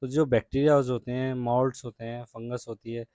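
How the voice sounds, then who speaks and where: Indian teacher explaining, close and dry. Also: male voice, medium pitch, level tone, dark tone, no room sound. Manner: reads English lines slowly, then explains in Hindi with frequent "ठीक है?". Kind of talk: explaining a science chapter to children.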